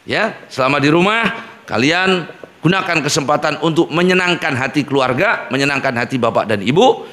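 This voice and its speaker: Man, middle-aged, school head giving students stern, repetitive advice, higher-pitched voice. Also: animated, moderate pace, fairly bright tone. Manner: firm, repetitive admonishing with frequent "ya". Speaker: head of an Islamic boarding school.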